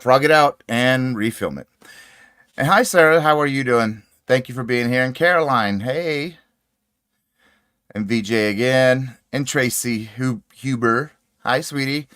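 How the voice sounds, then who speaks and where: A man chats through a crochet livestream, calling viewers sweetie and laughing between greetings. His voice sits at a middle pitch. The desk mic gives a dry, close sound with no room around it. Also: dry recording. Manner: chatty, greets viewers warmly, laughs often. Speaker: crochet channel host. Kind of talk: casual livestream chat. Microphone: desk microphone.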